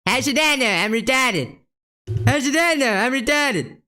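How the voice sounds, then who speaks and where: A man's voice: expressive, moderate pace, full character voice. A streamer imitating a bratty cartoon boy through a voice changer that morphs his voice. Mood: mimicking. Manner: mimicking a cartoon clip in repeated takes. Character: bratty young cartoon boy, loud and whiny. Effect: voice changer morphing his voice higher and brighter.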